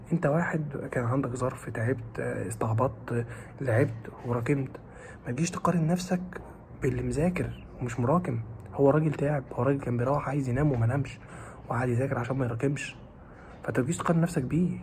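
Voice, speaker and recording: Fast-talking Egyptian man's pep talk. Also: fairly high pitch, a little mellow, slight background noise. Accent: Egyptian Arabic. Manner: fast, pleading and scolding, repeats phrases. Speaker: motivational talker for exam students. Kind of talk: motivational pep talk to students.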